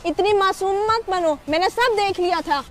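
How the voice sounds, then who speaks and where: Woman as a firm, caring big sister, very high, music bed. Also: moderate pace. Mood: scolding. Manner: caring but stern. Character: protective elder sister who scolds the cheater. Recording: music behind.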